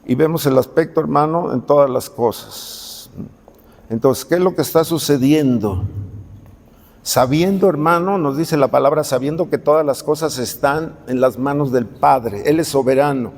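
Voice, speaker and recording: Pastor preaching, kinda high voice, keeps asking the crowd stuff, big echoey church. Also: male voice, moderate pace, creaky, darkish tone. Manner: conversational preaching, repeatedly addressing "hermano" and asking questions. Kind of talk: sermon. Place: church hall. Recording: long reverb of a church hall.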